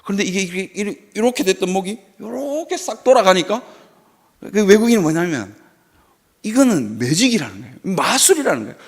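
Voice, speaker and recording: A man's voice: high voice, sing-song, fairly quick, husky. A male pastor preaching a sermon at a Friday worship service in a church. He tells stories with animation and asks rhetorical questions.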